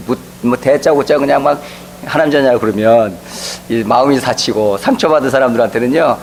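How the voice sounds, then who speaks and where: A man's voice: fairly high pitch, a little hiss or hum, poor audio. A middle-aged male pastor preaching a sermon, telling a story and acting out the voices of the people in it. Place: church sanctuary.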